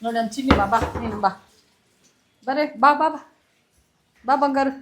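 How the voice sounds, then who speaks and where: Woman, home cooking vlogger, a little high voice, playful teasing, casual chat. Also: moderate pace, a little hiss or hum. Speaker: cooking vlog host.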